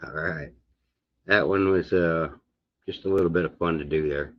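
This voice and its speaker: A low-pitched man chats to his channel in a rambling, folksy style. His speech is halting and gummy, slightly sputtering from having no teeth in. The recording sounds dull and muffled. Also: fairly even intonation. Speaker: video channel host. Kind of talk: casual rambling vlog talk.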